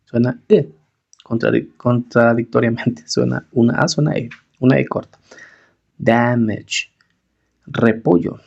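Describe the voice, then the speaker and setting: A man teaching English pronunciation, slowly repeating each word several times. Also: mid-range voice, fairly even intonation, creaky, a little mellow, breathy edge. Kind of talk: pronunciation lesson. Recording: dull, lo-fi recording.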